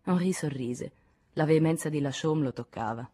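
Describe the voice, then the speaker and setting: A woman reading a literary novel aloud in a measured, even audiobook narration. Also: sits low. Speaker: audiobook reader.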